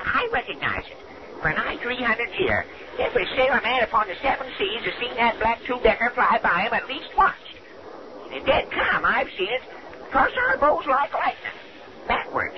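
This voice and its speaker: Gruff, superstitious old sailor, high excitable voice, blustering dialect, muffled vintage radio drama sound. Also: male voice, moderate pace, full character voice. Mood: insistent. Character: gruff, superstitious old English sea dog uncle. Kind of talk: 1930s radio acting. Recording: noisy, muffled 1934 radio recording.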